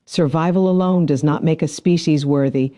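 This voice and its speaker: Brief: aloof alien envoy, female, cool and solemn, mellow low-key tone, read by a male narrator. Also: normal speed, natural voice. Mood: cold, solemn.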